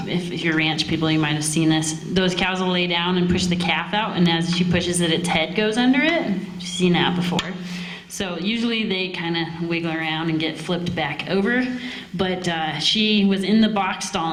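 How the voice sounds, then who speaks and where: A woman's voice: lowish voice, fairly bright tone, slight background noise. A woman telling stories casually on stage in a folksy, chatty cowboy drawl. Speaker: cowgirl singer and storyteller performing at a cowboy poetry gathering. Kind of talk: casual stage storytelling and folk singing. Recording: roomy live event sound.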